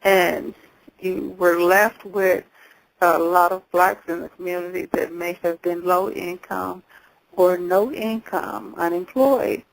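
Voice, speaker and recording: A woman hosting a talk show, losing her voice, speaking haltingly and repeating words as she thinks. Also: lowish voice, fairly even intonation, vocal fry, low-quality recording. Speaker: host. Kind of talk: talk on community history.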